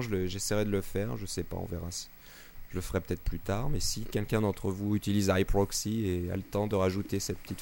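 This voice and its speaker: A man co-hosting a casual technical discussion, with a hoarse, broken voice that cracks, explaining things haltingly. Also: lowish voice, a little hiss or hum. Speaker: podcast co-host.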